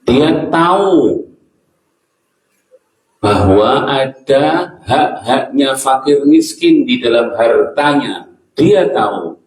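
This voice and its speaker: Javanese-accented male preacher, earnest sermon, low voice, slow, echoey hall, mic at a distance. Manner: earnest, mixing in local phrases, asks the audience questions. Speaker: Islamic preacher.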